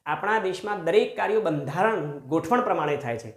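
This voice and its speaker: A male teacher giving a grammar lesson, earnest and emphatic, who keeps addressing his listeners as friends. His voice swings from soft, low asides up to high, stressed points. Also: animated, brisk, echoey room.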